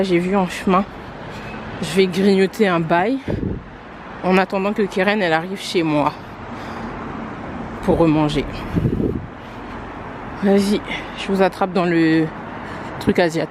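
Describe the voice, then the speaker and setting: Hurried woman vlogging on a noisy street. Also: on the low side, fairly even intonation. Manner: hurried and exasperated, mixes in English phrases. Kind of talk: casual day-in-my-life vlog chat. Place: outdoors on city streets and at a bus stop. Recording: street noise and passing vehicles behind.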